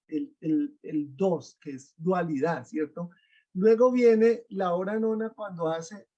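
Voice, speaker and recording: High-voiced, slow male lecturer. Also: dark tone, highs cut off. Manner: explanatory, checks in with rhetorical questions. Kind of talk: webinar lecture.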